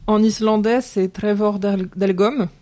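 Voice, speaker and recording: A woman hosting a casual podcast discussion, explaining details in a lively way. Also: mid-range voice, a little slow, slight background noise.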